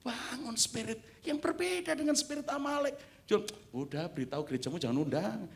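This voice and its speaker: A man preaching a sermon in a church, animated, swinging from quiet asides to loud exclamations. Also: extremely high pitch, brisk, gravelly. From Indonesia. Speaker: pastor. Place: church sanctuary.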